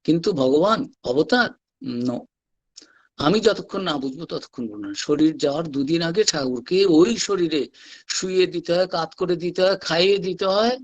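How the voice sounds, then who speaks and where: A monk delivering a devotional talk at an online gathering, reading letters aloud and telling stories with animated quoted voices. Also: male voice, fairly high pitch, normal speed. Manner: animated storytelling, voicing quoted figures. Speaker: monk giving a religious talk. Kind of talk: devotional discourse with read-out letters. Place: online satsang session.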